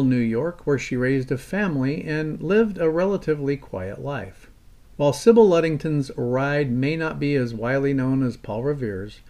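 Man, mid-pitched voice, podcast host, scripted history narration, earnest, measured storytelling. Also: a little mellow.

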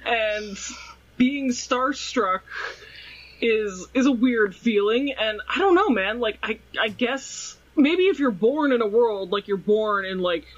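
A man's voice: high-pitched, lively intonation, slow. A man co-hosting a podcast in casual chat, rambling and sarcastic. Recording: slightly dull lo-fi recording.

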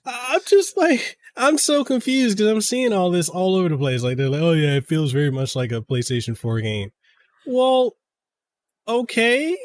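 A man in his thirties, a game reviewer guesting on a podcast, talking in an excitable way and often stumbling over repeated words. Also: high voice, moderate pace. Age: 30s. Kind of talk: casual podcast chat.

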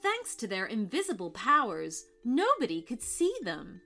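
A woman narrating a scripted children's story in an expressive, dramatic way. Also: fairly high pitch, unhurried. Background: background music.

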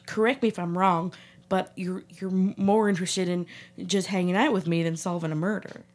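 A woman's voice: on the low side, fairly even intonation, a little fast, lightly acted. A woman playing a ditzy young Texan lifeguard in an improvised comedy interview, rambling and giggling as she talks. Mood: gossiping. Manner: giggly, rambling, laughs often mid-sentence. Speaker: improv character being interviewed.

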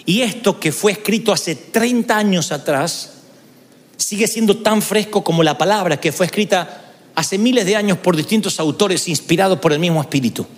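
A man preaching a sermon in an earnest way, moving between quick asides and slow, emphatic lines. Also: sits high, big-room sound.

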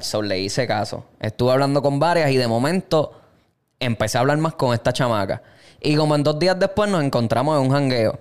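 Smooth-voiced Puerto Rican young man. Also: mid-range voice. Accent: Puerto Rican Spanish. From Puerto Rico. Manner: slangy, profane banter. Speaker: podcast co-host reading listener stories. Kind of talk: casual chat, reading stories aloud.

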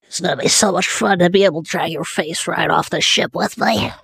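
A woman's voice: on the low side, brisk, vocal fry, fairly bright tone, breathy edge, no room sound, clean studio sound. A woman playing a tabletop game, brash and swearing as she threatens in character. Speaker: player.

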